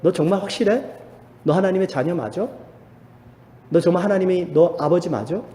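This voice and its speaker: A needling, taunting devil, as a preacher puts him on. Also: male voice, high voice, dark tone, slight background noise, close to an everyday voice. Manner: rapid-fire needling questions. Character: taunting devil, male, sly and accusing. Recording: echoey church hall reverb.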